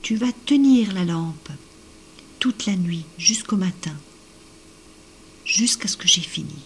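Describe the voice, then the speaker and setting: A woman voicing a cruel mother ghoul in a folk tale, slow and half-whispered. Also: on the low side, animated, a little hiss or hum. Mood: angry.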